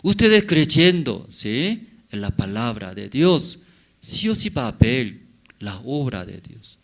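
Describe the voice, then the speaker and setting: A man preaching a sermon as pastor, in halting non-native Spanish with broken grammar, often asking the congregation questions. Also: mid-range voice, big pitch swings, fairly bright tone. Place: church service.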